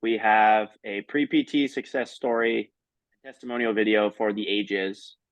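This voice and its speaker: Upbeat low-voiced male host. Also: fairly even intonation, unhurried, no room sound. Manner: upbeat, chatty. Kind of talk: casual interview.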